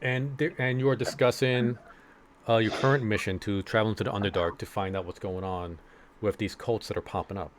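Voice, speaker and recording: A man's voice: on the low side, steady tone, brisk, noisy background. A man narrating a tabletop game as game master, with lots of fillers and restarts. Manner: hesitant, many fillers and restarts.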